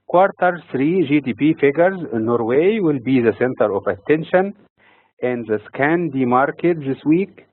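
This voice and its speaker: Speaking at a medium pitch with lively intonation, a man from Egypt reads prepared commentary on economics and financial markets in a measured, note-driven way. There's no echo; the sound is dry and thin, much like a phone call.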